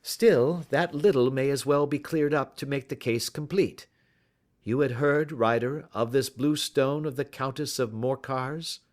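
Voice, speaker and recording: A man voicing a brisk, masterful gentleman detective in an audiobook, speaking with formal precision and dry mockery. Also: medium pitch, voice pushed up, close to an everyday voice. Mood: cool, accusing. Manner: commanding, precise, dryly mocking, formal. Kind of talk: audiobook character voice.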